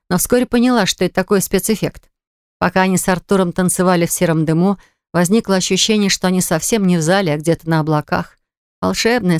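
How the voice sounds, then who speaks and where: A woman reading an audiobook in measured scripted narration on a close studio mic. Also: lowish voice, a little mellow, clean tone, dry recording.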